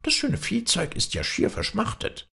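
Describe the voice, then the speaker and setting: A man's voice: high-pitched, huge pitch swings, normal speed, creaky, sharp tone, husky, pitched above the performer's own voice, heavily acted. A man voicing a sly, spiteful kobold with a squawky voice, reading a storybook aloud. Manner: crafty, gloating.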